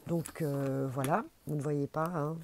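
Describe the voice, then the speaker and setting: Low-voiced Belgian woman reading oracle cards. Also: fairly even intonation, unhurried, a little mellow, slight background noise. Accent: Belgian French. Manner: chatty, encouraging, repeats for emphasis. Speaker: intuitive oracle card reader. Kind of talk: casual spiritual card reading to camera.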